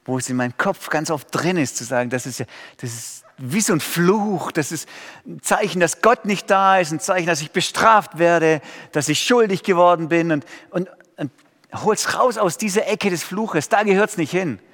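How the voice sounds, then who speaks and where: A man preaching a sermon, dropping to quiet and rising to loud pleading cries. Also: on the high side, normal speed, big-room sound.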